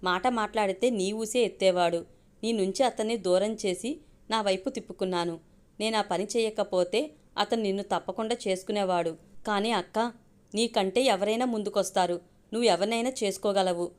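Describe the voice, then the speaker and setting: A woman's voice: medium pitch, normal speed, lightly acted. A woman voicing a naive young woman who confides in her older sister, read in her own everyday voice. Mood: confiding.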